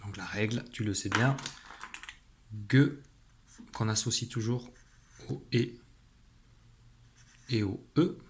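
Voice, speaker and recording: A man teaching a young pupil a spelling rule in an online lesson, patient and clear, slowing down as he demonstrates. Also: fairly low pitch, a little mellow, a little hiss or hum. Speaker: primary school teacher.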